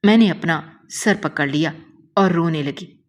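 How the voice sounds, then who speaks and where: Low-voiced woman telling an emotional story. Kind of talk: emotional first-person story narration.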